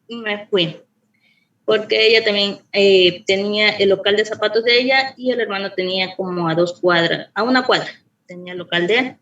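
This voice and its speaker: A woman recounts a personal story with lively energy and jumps into the voices of the people she quotes. Her voice is mid-pitched and sounds a bit distant, as if she is set back from the microphone. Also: reverberant, lo-fi sound. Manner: animated storyteller, acts out quoted dialogue. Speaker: student. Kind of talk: telling a personal anecdote. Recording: voice from a distance off the mic.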